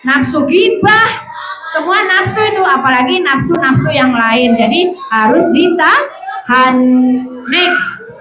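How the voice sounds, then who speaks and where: A woman giving a lively classroom lesson to children as a religious teacher, often quizzing and hushing the pupils. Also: high voice, slow. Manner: lively, calls out to hush and question pupils. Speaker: religious teacher at a school Ramadan camp. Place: school hall with children. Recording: echoey hall with background noise.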